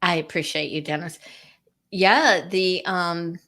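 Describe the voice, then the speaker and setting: A woman's voice: lowish voice, slow pace, sharp tone. A woman co-hosting a podcast, talking casually and animatedly, acting out quoted lines as she explains. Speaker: co-host. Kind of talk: conversational podcast talk.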